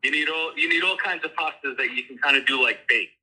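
A man talks over a thin, tinny phone line. His voice is sharp and fairly high, and he speaks quickly in casual bursts, stammering and circling back over his words. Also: breathy edge. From Queens, New York. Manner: hesitant, stammering, repeats himself. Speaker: caterer.

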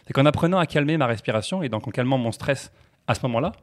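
Fast-talking man telling stories. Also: medium pitch. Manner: fast, animated, jokey storytelling with repeated restarts. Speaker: podcast guest, comedian. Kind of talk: casual chat.

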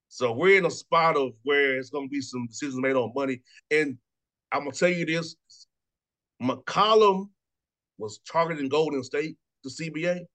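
A man in his thirties, a sports radio host, talking fast and casually, repeating words and laughing often. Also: on the high side, a bit bright. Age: 30s. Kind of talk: casual sports talk interview.

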